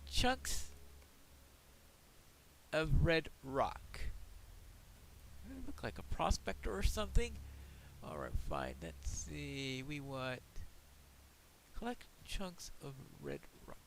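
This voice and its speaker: A man's voice: medium pitch, wildly swooping pitch, a little slow, creaky, slight background noise. A man giving casual solo game commentary, musing aloud to himself with wry asides. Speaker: gameplay host and player.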